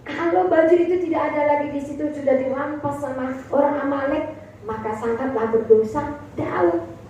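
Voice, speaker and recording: A woman's voice: sits high, moderate pace, mellow, slight background noise. A woman pastor preaching a sermon, repeatedly addressing the congregation as "my brothers and sisters" and recounting a pastoral story. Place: church sanctuary. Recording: far-off echoey church hall, dull sound.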